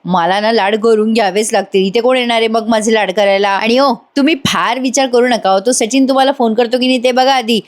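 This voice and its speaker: A woman's voice: fairly high pitch, a little fast, hardly any pauses, close to an everyday voice. A woman voicing a sassy pampered wife. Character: pampered pregnant woman, sharp-tongued.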